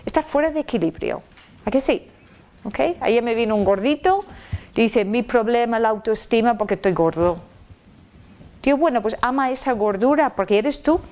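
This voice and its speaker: A woman giving a live spiritual self-help talk, chatty and lively, checking in with her listeners and throwing in playful sound effects. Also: fairly high pitch. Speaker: speaker at a personal-growth talk. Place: lecture room with a live audience.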